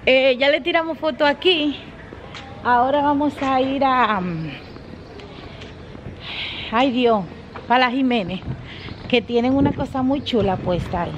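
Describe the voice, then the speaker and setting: A woman's voice: sits high, measured pace, long pauses, lo-fi sound, a little hiss or hum. A woman vlogger chatting casually to her viewers from inside a car, laughing often, recorded on a phone. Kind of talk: casual chat to camera. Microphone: phone camera.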